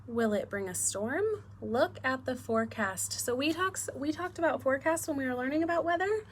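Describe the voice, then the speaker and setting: Reading aloud to young kids, a woman elementary school teacher explains things and keeps asking them questions. Her voice sits high and she talks at a normal speed. There's slight background noise.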